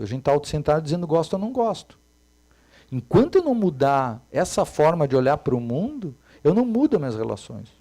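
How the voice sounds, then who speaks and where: A man, giving a Buddhist dharma talk as a meditation teacher, moving between soft and emphatic speech. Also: fairly high pitch.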